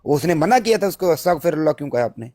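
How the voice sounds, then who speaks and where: A man's voice: fairly high pitch, expressive, a little mellow. A man on a casual panel discussion, asking questions politely and a little hesitantly. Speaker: panel guest.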